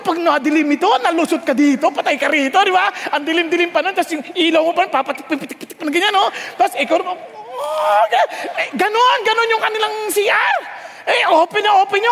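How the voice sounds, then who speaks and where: A man preaching a sermon in mixed Tagalog and English, telling stories in an animated way and often asking the crowd questions. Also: very high voice, a little hiss or hum. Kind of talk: Taglish sermon. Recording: long hall reverb.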